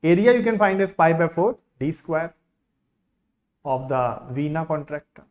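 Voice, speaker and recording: A man with an Indian accent, an online teacher, giving an insistent, repetitive sales pitch to his live class. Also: expressive, a little slow, a little mellow. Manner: insistent sales pitch, repeating key phrases.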